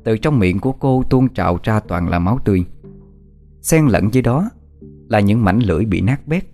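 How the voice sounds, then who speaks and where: Male horror-story narrator, slow and measured delivery, low voice, faint music under him. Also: animated, dark tone.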